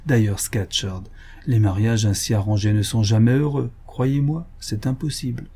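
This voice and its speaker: A patient country doctor, kind but unbending, voiced by a male audiobook reader in a mellow, husky, steady tone. He turns down demands in a measured, gentle way, a storybook figure of quiet firmness. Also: fairly low pitch. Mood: calm, firm. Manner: gentle, measured and firm refusals.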